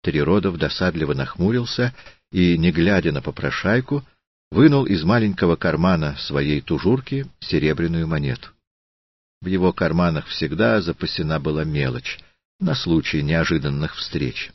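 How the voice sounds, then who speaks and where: A man reading a literary audiobook in a slow, deliberate, solemn manner. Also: low-pitched, animated, husky, dry recording, muffled recording. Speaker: audiobook narrator.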